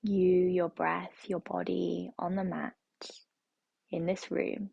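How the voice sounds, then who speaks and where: A woman leads a guided meditation in a slow, soothing, repetitive way. Her low voice is husky and gravelly, and it stays close and dry. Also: little pitch movement, no room sound, lo-fi sound. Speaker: yoga teacher.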